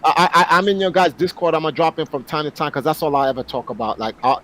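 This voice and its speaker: A man's voice: on the high side, expressive, fast talker, fairly bright tone, rough recording. A man in his forties, a guest on a casual online panel, talking emphatically and often repeating words as he starts a thought. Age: 40s.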